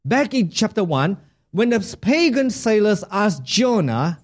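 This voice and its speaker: Male pastor preaching, kinda high voice, unhurried, keeps asking the church questions. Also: sing-song. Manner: deliberate preaching with rhetorical questions to the congregation. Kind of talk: sermon.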